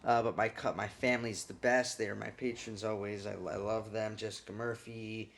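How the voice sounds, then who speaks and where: A man's voice: lowish voice, flat delivery, moderate pace, gravelly, a bit bright, slight background noise. A man hosting a casual podcast, talking loosely and joking, swearing now and then. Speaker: podcast host.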